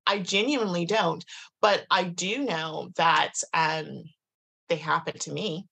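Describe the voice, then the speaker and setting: A woman with a fairly low, gravelly voice and a husky, breathy edge tells a personal story in a relaxed, chatty way. She talks with lots of "like" fillers and restarts, and slips into the voices of the people she quotes. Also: slow. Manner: animated, many "like"s and restarts, acts out quotes. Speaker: guest. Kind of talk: casual storytelling in conversation.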